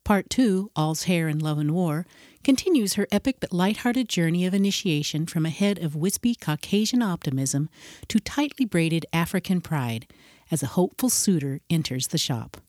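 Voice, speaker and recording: A woman narrating a podcast introduction in a measured, scripted way. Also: lowish voice, expressive, a little mellow, no echo. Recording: dry close recording.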